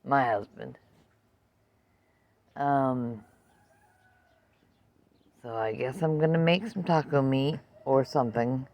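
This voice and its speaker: A woman's voice: extremely low pitch, slow pace, pauses often, darkish tone. An older woman in a casual outdoor vlog, chatting unhurriedly and talking to her dog between remarks. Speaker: vlogger.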